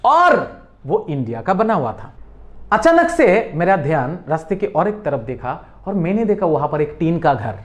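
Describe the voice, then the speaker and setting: A middle-aged man with an Indian accent teaching a memory trick as a story, quizzing listeners and repeating key words. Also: high-pitched. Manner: lively call-and-response, repeats key words, quizzes the viewer. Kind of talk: storytelling mnemonic lesson.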